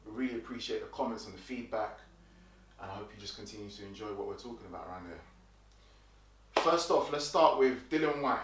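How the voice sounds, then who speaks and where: A man's voice: lowish voice, brisk, slight background noise. Chatty man in a roomy room. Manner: chatty, with fillers and restarts. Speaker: boxing news host. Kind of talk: casual commentary. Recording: roomy and distant from the mic.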